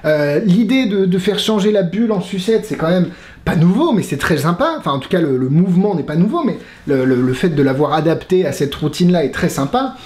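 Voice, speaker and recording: A man's voice: high voice, lively intonation, brisk, darkish tone. A man reviewing a magic trick in casual spoken French, exasperated, swearing and laughing as he talks. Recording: roomy echo.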